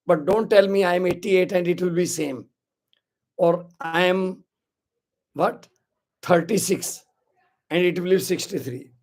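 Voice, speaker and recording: A man's voice: sits high, drawn-out words, pauses often, a little mellow. A man in his sixties with an Indian accent, hosting a live motivational webinar in Hindi and English, upbeat and greeting viewers by name as "my dear friends". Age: 60s. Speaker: webinar host. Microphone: live stream to social media.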